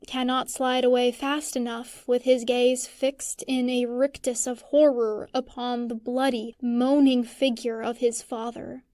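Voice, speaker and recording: A woman reading a fan-made fantasy horror story aloud as scripted narration, slow and measured. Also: high-pitched, darkish tone, no room sound. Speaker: podfic reader.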